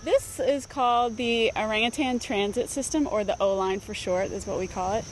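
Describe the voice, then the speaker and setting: A woman speaks as a zoo biologist being interviewed outdoors. Her voice sits at a middle pitch, and she explains in an informal, conversational way. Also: normal speed, a little hiss or hum. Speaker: zoo biologist and animal keeper.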